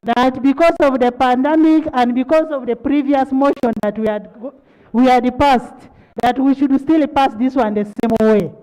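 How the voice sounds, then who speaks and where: A parliamentary speaker with a Ugandan accent, formally chairing debate in an authoritative, deliberate manner. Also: high voice, steady tone, dark tone, low-quality recording. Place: large parliament chamber.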